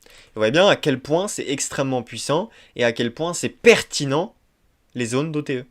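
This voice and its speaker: A man walks viewers through a screen-share trading tutorial in a mid-pitched voice. He is emphatic and repetitive, checks in with the listener again and again, and drops little verbal tics as he marks up his charts. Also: expressive, moderate pace. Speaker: trading instructor.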